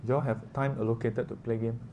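A man with a Singaporean or Malaysian accent runs an informal, interactive class, chatting casually and often tossing out short questions sprinkled with local particles. His mid-range voice holds a steady tone at a quick pace. The audio is dull, with clearly noisy room ambience.

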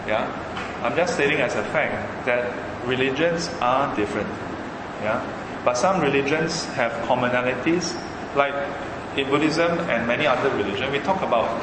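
Singaporean man teaching in an echoey hall. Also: medium pitch. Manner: Singlish phrasing with frequent yeah and you know tags; halting, repeats phrases for emphasis. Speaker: Buddhist teacher. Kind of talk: informal religious lecture to a class. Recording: echoey hall, loud background noise.

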